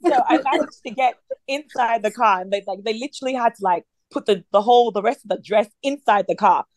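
A woman's voice: a little high, a little fast, no room sound. A woman leading a prayer meeting by phone, talking in an earnest, conversational way with many fillers. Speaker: prayer line leader.

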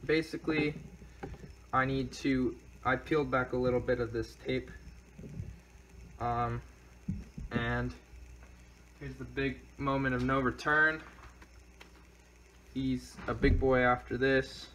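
Young guy talking slow while he fixes his truck, laid back, bit of hum in the background. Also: mid-range voice, rough recording. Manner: relaxed, chatty, thinking aloud while working. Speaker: car DIY video maker. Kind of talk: casual how-to narration.

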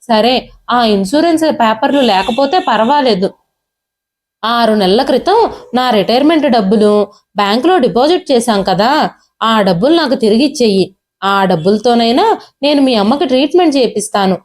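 A woman's voice: on the high side, animated, moderate pace, darkish tone, lightly acted. Woman narrator as elderly father over 60, desperate and pleading, tearful.

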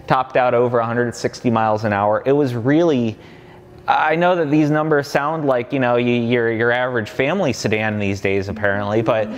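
A man in his thirties walks through a collection and explains it eagerly, piling up details and leaning on plenty of fillers. His voice sits at an ordinary middle pitch. A long reverb from the underground garage trails behind his words. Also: moderate pace. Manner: enthusiastic, fact-heavy, many fillers. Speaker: company collection guide. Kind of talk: casual walkaround explanation. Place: large underground parking garage.

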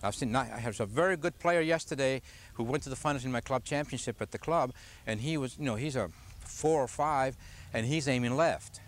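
An older golf instructor speaks briskly in a mid-range voice, barely pausing, as he runs a clinic on a grassy outdoor range. He patiently checks in with the group through questions, and a distant camcorder records it.

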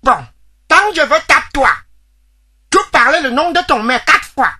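A woman's voice: high voice, animated, moderate pace, bright, forceful tone. A woman playing a blunt village healer who questions a patient and mixes in pidgin. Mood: instructing. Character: folksy village healer doctor. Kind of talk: comedy sketch acting.

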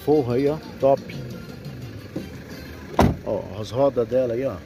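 With music playing underneath, a Brazilian man working as a used car broker shows off a car at a roadside fair, repeating his casual pitch for viewers. He speaks slowly at a medium pitch with fairly even intonation, and outdoor street noise and faint traffic can be heard.

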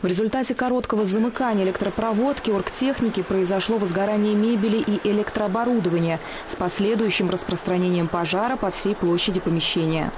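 Woman, scripted news narration, rapid pace, clear background noise. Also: medium pitch. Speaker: TV news reporter.

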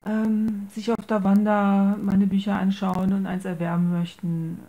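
Sitting indoors at a tabletop, a woman whose first language is German presents her handmade journal for a craft video. Her medium-pitched voice is warm, level, and a little slow, and she searches for words as she chats, mixing in English craft terms.

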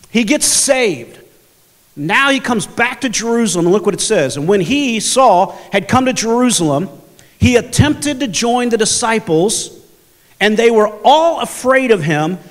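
A man's voice: high voice, big-room sound. A man preaching a sermon as pastor, telling stories and stressing his points with emphasis. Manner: storytelling preacher, animated and emphatic. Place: large church sanctuary.

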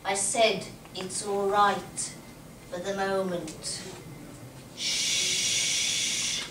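A woman's voice: medium pitch, little pitch movement, slow, a bit bright. An older woman playing a confused, childlike, querulous elderly mother in a staged play reading. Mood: furtive, fretful. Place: small indoor stage. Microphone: far camera. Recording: echoey small theatre, distant mic, noisy.

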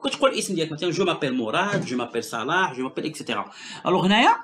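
A woman with a Moroccan accent teaching French to a child, patient, asking questions and repeating sounds slowly. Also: sits low, sing-song, a bit bright. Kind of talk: bilingual language lesson with a child.

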